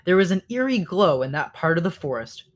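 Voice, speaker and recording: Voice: medium pitch, sing-song, a little fast. A reader reading a children's novel aloud, now and then stopping to correct slips.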